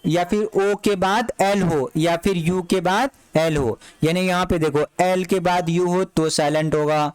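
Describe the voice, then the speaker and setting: A man teaches a lesson in a high, smooth voice. He repeats each word again and again and asks his students to say it back. The sound is dry and close, with no room echo. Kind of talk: classroom lesson.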